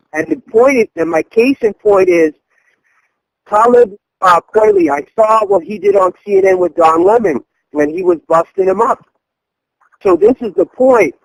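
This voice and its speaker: A man's voice: extremely high pitch, creaky, no room sound, low-quality recording. A man hosting a weekly call-in discussion, talking emphatically and listing his points like a preacher. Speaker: host of a weekly call-in address.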